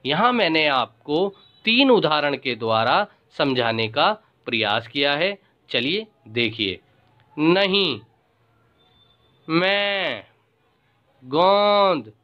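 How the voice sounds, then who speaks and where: A man's voice: a little high, big pitch swings, lo-fi sound. A male school teacher giving a recorded lesson to young pupils. He speaks patiently, often addresses the children directly, and draws out each example word for them to repeat. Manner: patient, slowly drawn-out pronunciation of example words.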